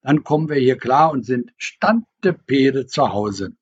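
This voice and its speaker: Man doing old fisherman, booming, teasing, folksy dialect, husky, muffled recording. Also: expressive, a little slow. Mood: bossy cheerful. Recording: dull lo-fi recording.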